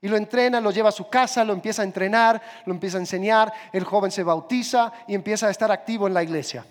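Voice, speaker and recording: A male preacher with a strikingly high voice tells a story in sermon style. He draws it out vividly and repeats phrases for weight. His voice rings with a long hall reverb. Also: fast talker.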